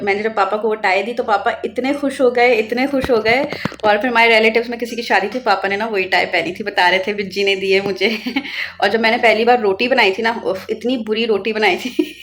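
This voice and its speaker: A young woman vlogging in a casual, chatty way, telling family stories and turning soft and wistful when she remembers. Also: medium pitch. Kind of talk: casual vlog chat.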